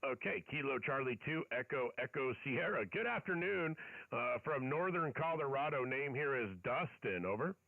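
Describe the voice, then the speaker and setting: A man's voice: mid-range voice, animated, moderate pace, vocal fry, noisy background. A man working as an amateur radio operator, calling and making contacts in procedural talk with phonetically spelled call signs, over a shortwave radio. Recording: narrow band-limited radio sound, dry.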